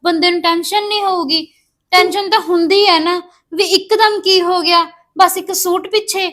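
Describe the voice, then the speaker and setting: A woman's voice: extremely high pitch, steady tone, normal speed, a bit bright. A woman playing a pleading young sister-in-law. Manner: defensive, pleading.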